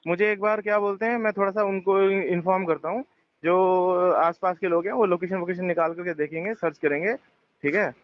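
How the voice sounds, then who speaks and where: High-pitched and fairly quick with a steady tone, a man who manages a resort argues his case on a tense phone call, repeating himself insistently. The telephone recording sounds muffled and lo-fi.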